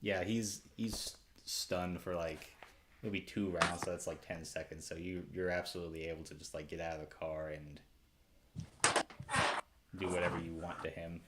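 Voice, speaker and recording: A man's voice: low voice, steady tone, moderate pace, heavy background noise. A man acting as game master, narrating a tabletop game in a hesitant way, full of fillers and restarts.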